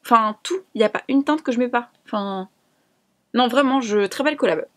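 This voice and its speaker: A woman's voice: fairly high pitch, a little fast, fairly bright tone. A woman from France chatting casually in a beauty haul video, enthusiastic and fond of repeating words for emphasis. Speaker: beauty vlogger.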